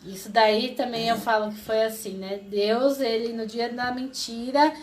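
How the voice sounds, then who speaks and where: A Brazilian woman in her thirties telling an emotional personal testimony as an interview guest, lively and acting out what people said. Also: fairly high pitch, unhurried. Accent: Brazilian Portuguese. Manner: lively, acts out quoted voices, laughs often.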